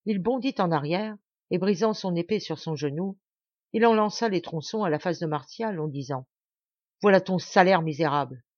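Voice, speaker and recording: A woman reading a classic novel aloud as an audiobook, narrating in a measured, clear way. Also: lowish voice, expressive, darkish tone, dry recording, highs cut off. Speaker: audiobook reader.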